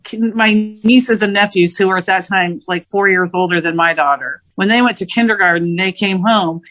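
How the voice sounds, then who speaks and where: A woman's voice: medium pitch, normal speed, a bit bright, low-quality recording. A middle-aged woman co-hosting a casual interview, asking open questions and telling family stories in a chatty way. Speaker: podcast co-host.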